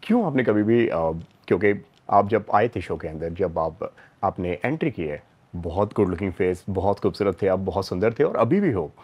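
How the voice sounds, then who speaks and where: A man's voice: low voice, animated, normal speed, slightly rough, muffled recording. A man with an Indian accent interviewing a guest, asking probing questions and affirming often.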